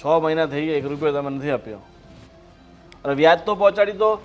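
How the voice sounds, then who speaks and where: An actor with a Gujarati accent, playing an impatient, gruff family man under money pressure. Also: medium pitch, fairly even intonation, fairly quick, darkish tone, soft background music, lightly acted. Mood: demanding. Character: stressed moneylender-debtor father, man. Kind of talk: Gujarati family drama acting.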